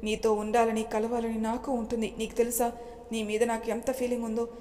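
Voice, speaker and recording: A woman's voice: a little high, level tone, a little fast, mellow, a little hiss or hum, close to an everyday voice. A woman voicing an earnest caring young husband. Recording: long hall reverb.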